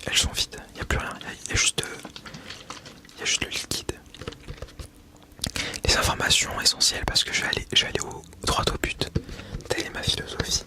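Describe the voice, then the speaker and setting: A man's voice: brisk, pauses often. A man whispering breathily in a casual ASMR style, chatting about products with a tongue-in-cheek, mock-solemn manner into a small wireless mic. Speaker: ASMR video creator. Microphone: small clip-on wireless mic being tested.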